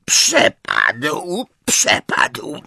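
A croaking, sobbing old house-elf. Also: male voice, a little high, wildly swooping pitch, very slow, pushed and bright, no room sound, studio quality, pitched above the performer's own voice, exaggerated voice. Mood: grudging. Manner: croaking, sobbing, shrieking outbursts. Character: wretched old male house-elf servant, wailing and bitter.

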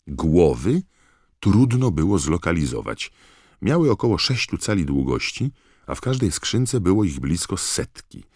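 A man narrating an audiobook in a measured, expressive storytelling manner. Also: sits low, no echo, studio quality. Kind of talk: scripted narration.

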